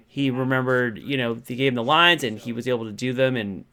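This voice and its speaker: A man's voice: mid-range voice, fairly quick, sharp tone. A middle-aged man telling a behind-the-scenes story to camera in a casual, enthusiastic, rambling way.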